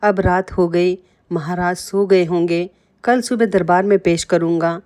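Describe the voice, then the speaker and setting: A woman's voice: fairly low pitch, steady tone, unhurried, dark tone, natural voice. A woman reading aloud the lines of a simple-minded, strong male wrestler in a storybook tale, in plain and earnest dialogue.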